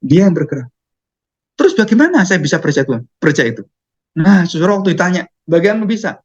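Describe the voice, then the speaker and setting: A man's voice: high-pitched, very animated, fast talker, breathy edge, dull audio. A man preaching a sermon, firing off questions and answering them himself.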